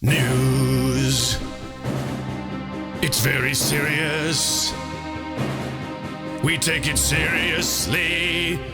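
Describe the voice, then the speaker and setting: A man speaking in a slow, overly solemn manner for a mock-serious comedy news sting. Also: on the high side, level tone. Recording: voice under loud theme music.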